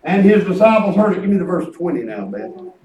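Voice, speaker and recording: A man in his fifties with a rural Southern US twang, preaching a folksy, rambling, storytelling sermon in an excitable, colloquial way. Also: high voice, brisk, muffled recording. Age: 50s. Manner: excitable, colloquial, chuckles through anecdotes. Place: church hall with responding congregation. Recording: echoey church room, distant microphone.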